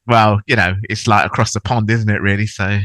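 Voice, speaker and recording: A man's voice: fairly low pitch, fairly even intonation, brisk, a bit bright, no room sound. A man with a London accent hosting a podcast interview, chatty and jokey, laughing easily. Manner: jokey, laughs often, bouncy delivery. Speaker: podcast host.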